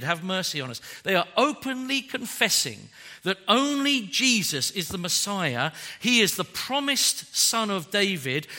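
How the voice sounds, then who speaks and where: A man preaching a sermon in an animated, joking way that is often broken by laughs. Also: high-pitched, long reverb tail.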